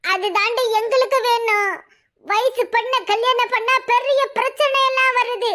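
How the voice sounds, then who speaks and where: Woman as smug cartoon gang woman, slow mocking taunts, southern Tamil accent. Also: extremely high pitch, steady tone, sharp tone. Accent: southern Tamil Nadu. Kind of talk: cartoon voice acting.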